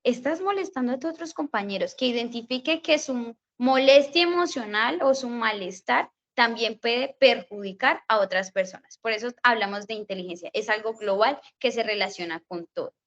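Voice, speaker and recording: A woman's voice: on the high side, normal speed, hardly any pauses. Woman teacher explaining, lo-fi audio. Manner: explains step by step, often checks with "¿sí?"; acts out gentle talk to small children. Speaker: early childhood teacher. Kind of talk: explanatory talk for a class assignment.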